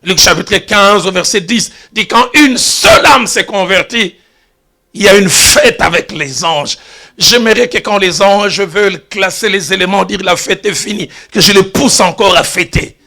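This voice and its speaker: Here a man preaches a church sermon at normal speed, his high-pitched voice bright and ringing. His stories alternate between whispered-down asides and loud exclamations.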